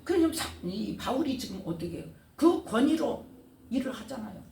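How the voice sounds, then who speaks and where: Speaking at a moderate pace in a high-pitched voice, a woman pastor delivers an animated sermon in a church sanctuary, engaging the congregation with frequent back-and-forth questions. The mic is distant, with roomy echo and faint room noise.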